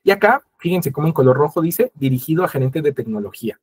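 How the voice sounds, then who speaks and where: Leading an online training session, a webinar presenter talks briskly in a slightly high, husky voice with a rough edge and lively intonation. He explains each step directly to viewers and drops into quoted dialogue to make his points.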